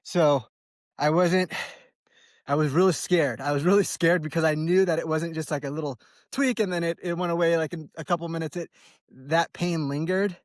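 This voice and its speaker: A man's voice: a little high, fairly even intonation, normal speed, no room sound, studio quality. An American man in his early forties chats casually and ramblingly for a vlog while running outdoors on a trail, in a laid-back, slangy way. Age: early 40s. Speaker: trail runner vlogging.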